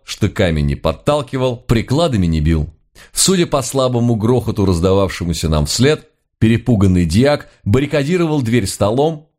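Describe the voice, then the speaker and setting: A man's voice: low-pitched, a little mellow. A man narrating a comic novel in a dry, ironic storytelling manner. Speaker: audiobook narrator.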